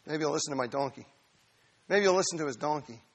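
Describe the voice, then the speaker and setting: A man voicing God, speaking in a lower, quiet, measured way. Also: husky. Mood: calm. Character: God, patient and calm. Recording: reverberant hall.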